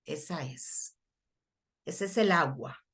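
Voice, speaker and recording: A woman's voice: deep voice, slow pace, a bit bright, breathy edge. A middle-aged woman from Costa Rica preaching earnestly at a prayer workshop and reading scripture aloud. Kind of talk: sermon.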